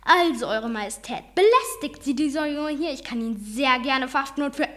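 A woman's voice: high voice, animated, moderate pace, a bit bright, soft background music. A woman voicing a plump, flustered old police sergeant with a fussy, blustering manner.

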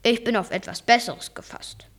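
A young reader voicing a calm, stern old professor uncle in a storybook reading, speaking slowly and evenly. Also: female voice, fairly high pitch. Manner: slow, calm and measured. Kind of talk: read-aloud storybook voice.

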